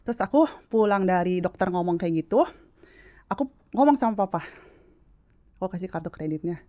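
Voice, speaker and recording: A woman's voice: on the low side, lively intonation, brisk, dark tone. A woman in her late twenties, a guest telling her story in a casual, chatty way and slipping English words into her speech. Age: late 20s.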